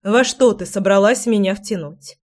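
A prickly, wary young woman with short, cutting replies, read by a woman narrator. Her pitch stays in the middle, plain and unforced. She is a storybook heroine still recovering from a wound. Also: normal speed, a little mellow, close to an everyday voice. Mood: guarded.

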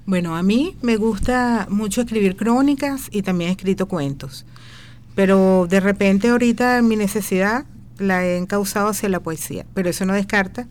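A woman poet answering a radio interview in a relaxed, modest way. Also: medium pitch, normal speed.

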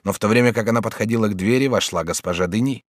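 A man narrating an audiobook in an expressive, theatrical reading. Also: on the low side, very fast, no echo. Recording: dry studio sound.

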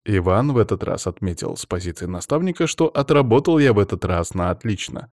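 Guy reading an audiobook, measured and steady, lowish voice, dry studio. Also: no echo. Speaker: audiobook narrator. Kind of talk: scripted first-person narration.

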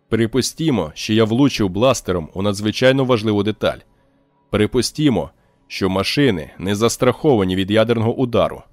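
A calm, sardonic trader speaks slowly and deliberately in a low voice, as a man reading aloud plays him. Every word is measured and unhurried. The sound is dry, with faint music behind. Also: dry recording, natural voice. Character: calm, ironic male trader.

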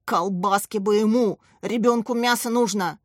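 A woman's voice: mid-range voice, normal speed, no echo, clean studio sound, close to an everyday voice. A plump, cheerful father who talks about food with real eagerness, as a woman reads him. He sounds hearty and straightforward. It is a storybook reading. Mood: eager. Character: plump cheerful food-loving male parent. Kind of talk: audiobook character reading.

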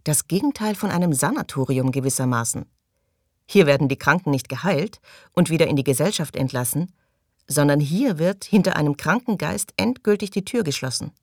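A woman reading the thoughts of a learned, sardonic man in an audiobook, wry and deliberate. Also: sits low, lively intonation, darkish tone, dry recording, clean studio sound. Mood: grim. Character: learned, sardonic man having a grim insight.

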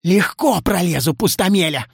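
A storyteller voicing a boastful three-headed male dragon, indignant and quick to take offence. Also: mid-range voice, big pitch swings, no echo, clean studio sound, voice pushed up. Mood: huffy. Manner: indignant, huffy.

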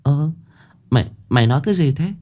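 A man's voice: a little high, expressive, brisk, mellow, voice pushed up. Man doing a stammering guilty young woman. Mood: pleading, tearful. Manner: pleading, stammering.

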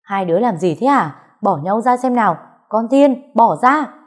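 A woman voicing an angry older mother-in-law who scolds in a loud, shrill, lamenting voice. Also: expressive, moderate pace, lightly acted. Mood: scolding.

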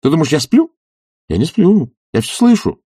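A man voicing a drowsy, irritable young gentleman who grumbles sleepily and flares into indignant shouts, in an audiobook. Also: fairly high pitch, sing-song, moderate pace, slightly rough, dry recording, studio quality, pitched above the performer's own voice.

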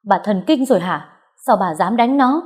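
A woman's voice: fairly low pitch, expressive, brisk. A woman voicing a blustering older father-in-law. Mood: angry. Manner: shouting, blustering.

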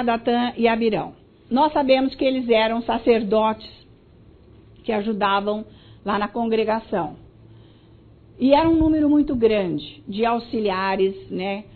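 High-voiced Brazilian woman preaching emphatically. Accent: Brazilian Portuguese. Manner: emphatic, swings between loud stresses and soft asides, talks straight to the listeners. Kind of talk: sermon. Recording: tinny phone-like audio.

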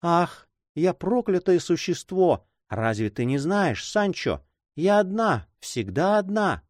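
Grieving noblewoman, tearful, sighing, man doing a higher voice, animated. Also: measured pace, no echo, clean studio sound. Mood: pleading. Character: grieving noble lady, sorrowful, pleading.

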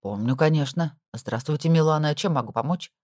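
A woman voicing a polite, reserved male driver in an audiobook, formal and measured. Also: low-pitched, a little mellow, dry recording, studio quality.

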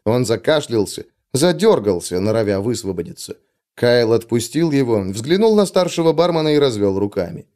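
A man reading an adventure story aloud as narrator, in steady, dramatic storytelling. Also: mid-range voice, moderate pace. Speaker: audiobook narrator. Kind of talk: scripted narration.

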